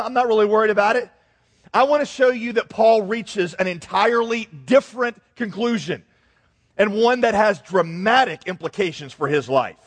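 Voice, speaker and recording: A man preaching a sermon as pastor, telling stories and acting out voices in an animated way. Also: fairly high pitch, slightly rough. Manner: animated storytelling with acted-out voices. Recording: echoey hall.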